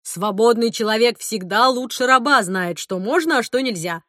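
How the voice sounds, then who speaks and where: A mild middle-aged man muses in a wry, easygoing way, as a woman narrator puts him on. The reading is lively in pitch and bright, recorded dry and close for a storybook audiobook. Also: normal speed, no echo.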